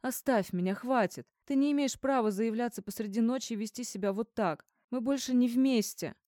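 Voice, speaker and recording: A woman's voice: on the high side, fairly quick, warm tone, no echo, studio quality, pitched above the performer's own voice, close to an everyday voice. A woman voicing a frightened young woman who pleads in a trembling voice in an audiobook. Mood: upset.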